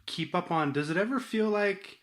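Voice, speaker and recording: A man's voice: high voice, normal speed, a bit bright. A man hosting a podcast, asking friendly, rambling questions in a casual conversation. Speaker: podcast host.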